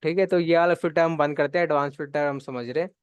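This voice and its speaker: Clear-voiced male computer instructor. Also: fairly high pitch, fairly even intonation, fast, dry recording, highs cut off. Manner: patient, repeats steps with check-ins. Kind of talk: live online spreadsheet lesson.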